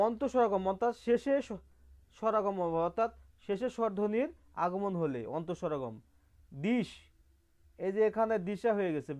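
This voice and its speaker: A man's voice: sits high, darkish tone, highs cut off. A man teaching grammar over slides, explaining step by step and repeating key terms, asking questions and answering them himself. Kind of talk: online slide lesson.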